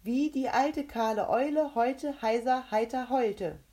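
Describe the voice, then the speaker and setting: A woman's voice: a little high, mellow, pitched above the performer's own voice, close to an everyday voice. A woman doing a careful little girl. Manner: careful, deliberate.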